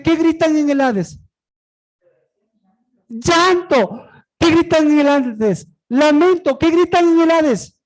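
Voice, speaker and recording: A preacher with a notably high voice delivers a sermon. They pose questions and answer them, then leap from loud, high cries to low, quiet murmurs. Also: poor audio. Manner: asks and answers own rhetorical questions.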